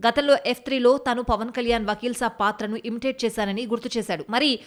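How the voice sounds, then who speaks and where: A woman's voice: a little high, fast talker. A woman narrating an entertainment news report as a scripted voice-over. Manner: steady, even news delivery.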